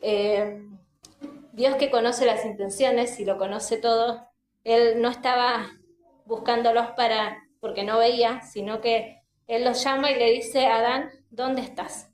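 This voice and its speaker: A woman's voice: fairly high pitch, fairly even intonation, a little slow. A young woman with an Argentine Spanish accent preaching a sermon, earnest and often checking in with the listeners. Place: church hall. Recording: echoey church hall.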